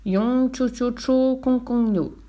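A woman voicing a polite, bumbling male wizard who keeps apologizing, with slow singsong chanted phrases. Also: a little high, dark tone, pitched above the performer's own voice. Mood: polite apologetic.

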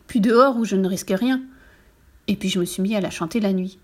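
A woman reading a story aloud in the first person, expressive and lively, putting on voices for the characters. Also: mid-range voice, fairly quick.

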